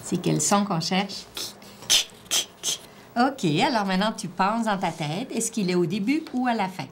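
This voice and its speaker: A woman teacher with a Québécois French accent, slowly and patiently prompting a child through a one-on-one reading assessment. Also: medium pitch, expressive. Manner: slow, patient, drawn-out word-by-word prompting. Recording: faint background noise.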